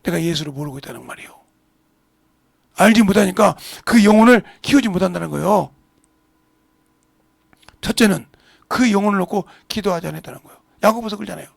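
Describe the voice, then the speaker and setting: A middle-aged male pastor delivering an animated sermon in church and acting out family dialogue in several voices. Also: high voice, brisk, creaky, long pauses, dry recording, studio quality. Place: church sanctuary.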